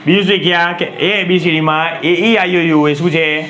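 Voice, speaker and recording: Gujarati-accented male teacher, slightly high voice, quizzes his class, faint room hum behind. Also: steady tone, moderate pace, pushed and bright. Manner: asks the class questions and repeats key words. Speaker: English grammar teacher.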